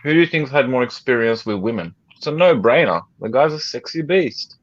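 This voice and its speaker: A man's voice: medium pitch, animated, fairly quick, no room sound. A man who is a YouTuber chatting casually on a live stream, joking and laughing as he eats. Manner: joking, laughs often, talks while eating. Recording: slightly dull call audio, faint noise.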